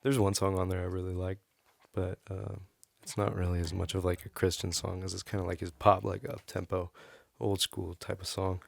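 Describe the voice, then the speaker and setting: A man's voice: low-pitched, little pitch movement, normal speed, creaky, no echo. A man in casual podcast chat, rambling, profane and opinionated on a close mic.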